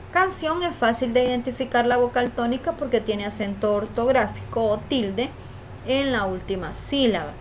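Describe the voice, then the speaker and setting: Slow, patient woman teacher. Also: medium pitch, a little hiss or hum. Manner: slow, explaining patiently with filler "¿verdad?" and "eh". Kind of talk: recorded review lesson.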